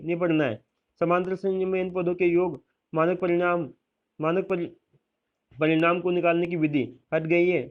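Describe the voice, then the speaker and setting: A man's voice: high-pitched, narrow, tinny audio. A man teacher, steadily listing a school syllabus and adding reassuring asides.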